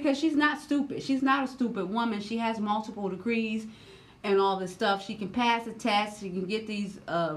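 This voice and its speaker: Sitting indoors in front of a camera, this thirty-something woman reacts to things in a slangy, laid-back way. She's loud and expressive, and her pitch jumps up whenever she gets riled.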